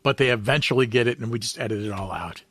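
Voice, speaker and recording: A man co-hosting a podcast interview, friendly and enthusiastic, quick to laugh. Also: mid-range voice, fairly bright tone, dry recording. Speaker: podcast co-host.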